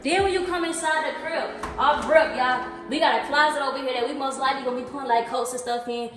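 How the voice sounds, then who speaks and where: A woman's voice: high voice, fast. A woman in her twenties giving a casual, slangy house tour vlog, calling out to viewers and hyping each room. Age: 20s. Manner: hype, slangy, addresses viewers as y'all. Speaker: vlog host. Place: empty house, indoors, bare rooms. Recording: echoey empty rooms with loud music.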